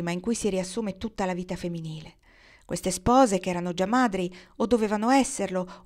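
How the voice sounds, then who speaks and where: A woman narrating a classic novel as an audiobook, reading in a measured, expressive way. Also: medium pitch. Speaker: audiobook reader.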